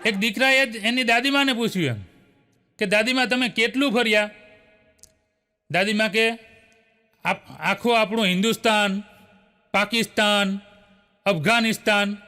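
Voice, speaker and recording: A man's voice: high-pitched, unhurried, long pauses, bright, forceful tone, faint music behind. A man, telling a string of short jokes in stand-up style and chuckling as he goes. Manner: storytelling with chuckles. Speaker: comedian. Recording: long hall reverb.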